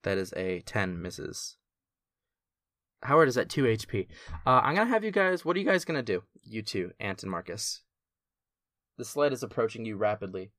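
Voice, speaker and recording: A man running a tabletop game as game master, calmly narrating action and calling out dice results. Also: fairly low pitch, moderate pace, long pauses, no room sound, clean studio sound. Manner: relaxed, matter-of-fact narration with dice results.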